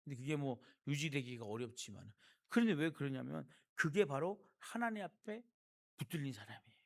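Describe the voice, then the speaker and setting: Gravelly Korean pastor preaching conversationally. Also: male voice, mid-range voice, expressive, a little fast. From South Korea. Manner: conversational preaching with rhetorical questions to the congregation. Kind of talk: sermon.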